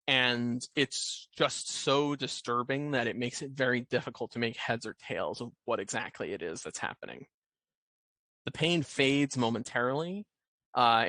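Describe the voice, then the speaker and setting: Man as game master, bright, dry, measured scene-setting narration. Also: medium pitch, no echo, poor audio.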